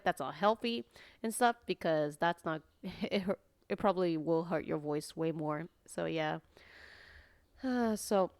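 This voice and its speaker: A woman streamer just out of bed, chatting casually in a deep, sleepy morning voice and rambling with many fillers. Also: clean tone, dry recording.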